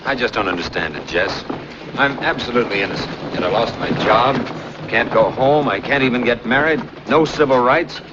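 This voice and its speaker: A man's voice: mid-range voice, fairly quick, noisy background, close to an everyday voice. An actor playing an exasperated, scheming American newspaperman in 1940s screwball comedy banter, on a muffled old film soundtrack. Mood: pleading, aggrieved. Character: exasperated, fast-talking newspaperman, indignant and scheming.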